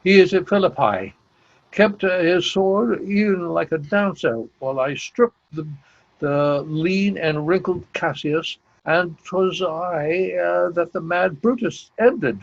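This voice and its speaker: A man plays a halting, despairing general in an amateur Shakespeare read-aloud: an older, grey-flecked figure, shamed and self-reproaching. Slow and higher-pitched, with vocal fry and a full character voice, he stumbles and exclaims in a bitter, ashamed mood. The video call audio is dull and lo-fi, with faint music.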